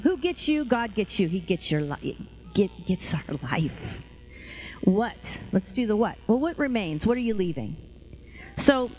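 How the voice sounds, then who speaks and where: A woman's voice: a little hiss or hum, poor audio. A woman preaching a sermon in a conversational style, acting out the voices of the people she quotes and often repeating and restarting her phrases. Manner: lively, acts out quoted voices with big pitch jumps.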